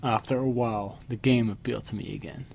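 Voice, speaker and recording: A man reading a scripted first-person horror story, dramatically, with pauses for suspense. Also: mid-range voice, fairly even intonation, gravelly, darkish tone, a little hiss or hum. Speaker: creepypasta narrator. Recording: music behind the voice. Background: music.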